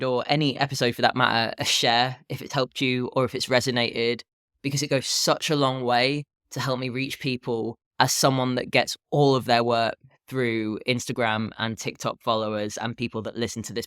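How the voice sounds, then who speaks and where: Male podcast host, thirties. Low, unhurried morning voice, clean and smooth, dry close sound, candid casual talk. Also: steady tone, fairly bright tone, dry recording. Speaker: podcast host and health and fitness coach.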